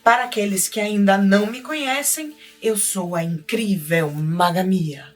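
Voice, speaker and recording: A woman's voice: mid-range voice, unhurried, faint music behind, natural voice. A woman playing a cheerful, theatrical magician who presents and explains things in a children's educational show. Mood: grand welcome. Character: theatrical female clown magician, cheerful and wonder-filled.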